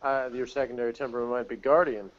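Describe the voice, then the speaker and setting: On a dull, lo-fi recording, a fast-talking man with a medium pitch and steady tone co-hosts a TV episode review podcast, keeping the chat casual, informal and blunt.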